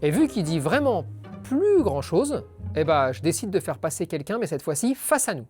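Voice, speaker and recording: A man's voice: on the high side, sing-song, normal speed, darkish tone, faint music behind. A man working as a dog trainer, coaxing and praising a dog and explaining his method, outdoors at a training ground.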